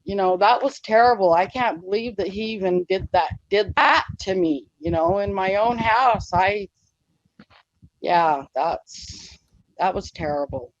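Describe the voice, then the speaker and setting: A woman's voice: medium pitch, unhurried, no echo. Woman telling a story on a muffled line. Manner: earnest, rambling, with many fillers. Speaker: interview guest. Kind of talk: conversational storytelling.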